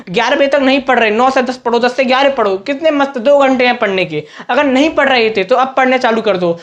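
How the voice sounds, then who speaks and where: A man's voice: very high voice, fairly bright tone, highs cut off. A young man teaching students at a whiteboard, talking in a direct, coaching way and often checking in with "okay". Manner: direct, coaching tone, frequent "theek hai" check-ins. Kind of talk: whiteboard study-tips lesson.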